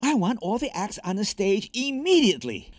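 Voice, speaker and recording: A man voicing a nervous, thin male artistic director who screams orders in a high-pitched voice. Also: huge pitch swings, moderate pace, dry recording, studio quality, full character voice. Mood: bossy. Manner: shrill, bossy, screaming orders.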